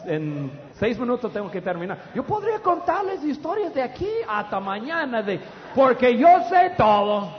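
A middle-aged preacher with a very high voice, telling stories in an animated, loud rush with stammered restarts. His voice carries through a long-echoing hall on a dull recording, a congregation faintly audible behind him. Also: moderate pace, slight background noise. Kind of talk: humorous storytelling sermon. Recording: dull, echoey hall with audience.

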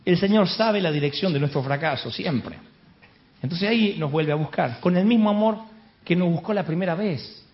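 A man's voice: sits high, lively intonation, moderate pace. A man with an Argentine accent preaching a humorous sermon, telling the story with comic asides. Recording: dull live recording, faint crowd.

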